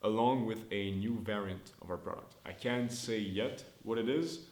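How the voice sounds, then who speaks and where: Indoors, with a noticeable echo around him, a startup founder films a casual business vlog update on his own camera. He is a young man in his early twenties from Montreal, Canada, whose first language is French, and he speaks at normal speed in a fairly low, chatty, upbeat voice, thinking aloud and restarting his sentences.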